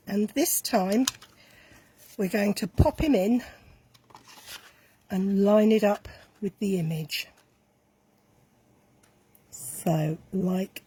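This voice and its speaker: A woman walks through a craft project at an unhurried pace, her voice a little croaky. She chats casually and corrects herself as she works with her hands. A faint hiss sits behind her voice. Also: mid-range voice, mellow. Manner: chatty, self-correcting, talks while working with hands. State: slightly croaky voice. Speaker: craft tutorial host. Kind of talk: casual step-by-step craft demonstration.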